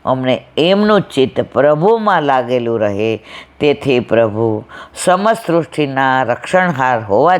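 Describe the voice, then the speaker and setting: An older woman giving a devotional satsang discourse, telling stories and acting out family anecdotes. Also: rumbling low. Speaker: devotional speaker.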